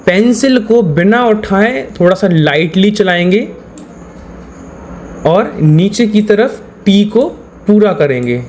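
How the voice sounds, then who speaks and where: A man teaching a lesson in a patient, step-by-step way, going back over each point and pausing to check that his students are with him. His voice sits a little high for a man. A faint hum of ambient noise runs behind him. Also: expressive, a little mellow. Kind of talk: step-by-step classroom explanation.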